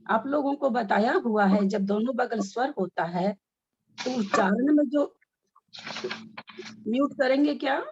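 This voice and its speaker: A woman's voice: fairly high pitch, measured pace, pauses often, darkish tone, slightly rough. A woman teaching a class on a video call, coaching the group through careful, syllable-by-syllable recitation. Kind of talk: online recitation lesson. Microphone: phone on a video call. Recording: dull lo-fi video call audio.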